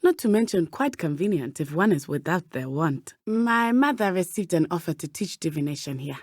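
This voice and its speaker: In video game dialogue, a brave, earnest teenage schoolgirl witch from Uganda speaks with warmth, her pitch lively and her wording careful, precise, and formal. The recording is dry and close, with no room sound at all.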